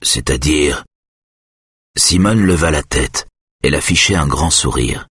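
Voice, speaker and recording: A man narrates a literary novel in the first person with a calm, intimate delivery. His voice is extremely deep and husky, recorded close and completely dry. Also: moderate pace, no room sound. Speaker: audiobook narrator.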